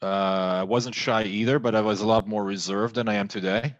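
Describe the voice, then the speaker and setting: A man's voice: fairly low pitch, fairly even intonation, brisk, no echo, dull audio. A middle-aged man from France, a tech entrepreneur talking as a podcast guest, fluent but with many fillers and restarts. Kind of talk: conversational interview.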